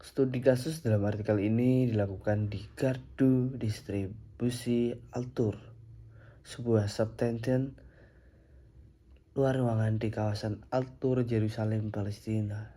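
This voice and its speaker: A man's voice: fairly low pitch, steady tone, a little slow, mellow. A young man, an engineering student, reading a recorded slide presentation steadily, with occasional slips and restarts. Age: young adult.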